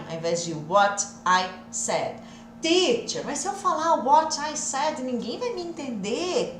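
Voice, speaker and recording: Lively Brazilian woman teaching in an echoey room. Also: a little high, slight background noise. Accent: Brazilian Portuguese. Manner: lively and repetitive, drilling phrases over and over. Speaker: English teacher. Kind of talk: live online English lesson.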